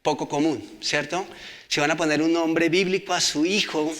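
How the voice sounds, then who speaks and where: A man's voice: a little high, fairly even intonation, moderate pace, fairly bright tone, slight background noise. A man preaching a sermon, reading scripture aloud and asking the congregation questions.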